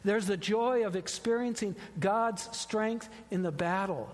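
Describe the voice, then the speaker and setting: Middle-aged male pastor, slightly raised pitch, earnest sermon delivery, long church reverb. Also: unhurried. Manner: earnest, warm preaching with personal stories. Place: church sanctuary.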